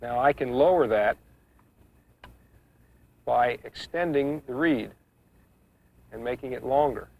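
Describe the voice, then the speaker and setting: A man giving an instructional demonstration, explaining each step in a measured, practical way. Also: medium pitch, gravelly, slight background noise. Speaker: duck calling instructor. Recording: muffled, dull 1990s instructional video sound.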